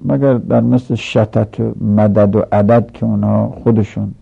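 A man with a gravelly, husky voice teaches a grammar lesson from a textbook. He goes through each rule slowly and backs it up with one example after another. The recording sounds dull and lo-fi. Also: on the low side, little pitch movement. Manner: explains step by step with repeated examples.

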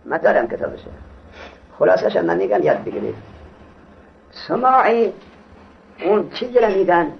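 A man's voice: on the high side, gravelly, a little hiss or hum. A man teaching Arabic grammar in a classroom lecture. He reads the text aloud, explains it in casual speech and quizzes his students. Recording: dull lo-fi recording.

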